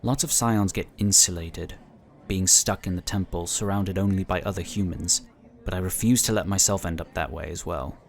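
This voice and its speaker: An actor playing an amiable, knowledgeable psionic inquisitor who explains things in a talkative, encouraging way in an audio drama. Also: male voice, low-pitched, normal speed. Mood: friendly.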